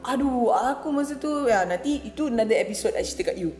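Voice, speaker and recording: A woman from Kelantan, Malaysia, chatting casually in a storytelling vlog, soft-spoken and slipping English phrases into her talk. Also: on the high side, animated, fast. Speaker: vlogger. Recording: roomy echo with faint music. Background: faint background music.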